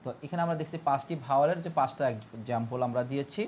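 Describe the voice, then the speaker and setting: A man's voice: mid-range voice, racing. A male teacher giving a step-by-step grammar lesson, repeating rules and putting questions to his students. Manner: explains step by step, repeats points and asks the class questions. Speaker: school teacher. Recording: dull lo-fi recording with faint mains hum.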